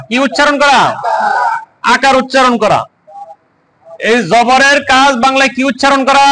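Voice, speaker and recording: A man's voice: extremely high pitch, noisy background. A man teaching Quran letters and vowel marks, drilling students with repeated questions and chanted answers. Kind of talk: call-and-response lesson.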